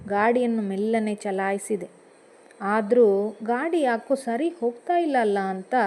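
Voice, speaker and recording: Brief: woman author narrating her story, slightly high, expressive. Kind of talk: first-person story narration.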